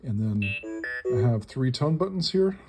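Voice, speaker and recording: A man's voice: medium pitch, expressive, normal speed. A man with a mid-range voice walks through an electronic gadget informally. He explains in short, tentative pieces while working the controls, with heavy noise and clicking in the recording. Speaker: demonstrator of a modified electronic instrument. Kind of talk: casual hands-on walkthrough. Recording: very noisy, with device buzz and clicks. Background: electronic toy noises and button clicks.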